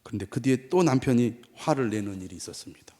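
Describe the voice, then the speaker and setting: A man's voice: mid-range voice, animated, fast talker, warm tone. A man preaching a Sunday sermon in a conversational way, leading the congregation in repeating phrases. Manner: conversational preaching, acts out quoted lines. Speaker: pastor. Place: church sanctuary. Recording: church hall reverb.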